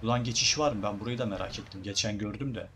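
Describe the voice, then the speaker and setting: A man's voice: fairly low pitch, fast talker, a bit bright, slight background noise. A man giving casual, joking let's-play commentary as a gaming YouTuber, talking to his viewers as guys.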